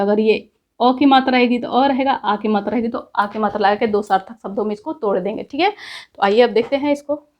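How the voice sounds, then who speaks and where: Higher-pitched woman teaching step by step. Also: darkish tone. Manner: explains step by step with repeated checks. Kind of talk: grammar lesson.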